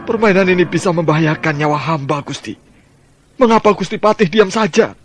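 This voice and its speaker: In a radio drama, an actor plays the minister's servant, a fearful old man who whines, sobs and begs anxiously for mercy. The male voice is high and brisk, lightly acted, with slight background noise.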